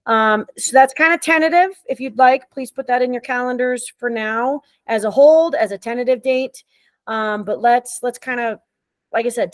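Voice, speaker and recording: Friendly woman hosting a meeting, higher pitch. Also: no echo. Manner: friendly, relaxed, with frequent ums. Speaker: meeting facilitator. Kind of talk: casual online meeting talk.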